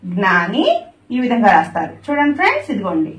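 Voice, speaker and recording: A woman's voice: mid-range voice, sing-song, brisk, fairly bright tone, roomy sound. A woman teaching Hindi letters to her viewers, who keeps calling them friends and keeps pointing them to what she writes. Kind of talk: lesson in Telugu.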